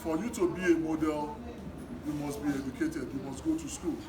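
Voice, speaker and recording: A middle-aged Nigerian man speaks to a group of children in a fairly high voice. He delivers his encouraging talk in deliberate, short phrases, repeating words for emphasis. He is picked up from a distance in an echoey room. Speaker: guest speaker, education worker. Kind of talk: motivational talk to schoolchildren. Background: noise, small children.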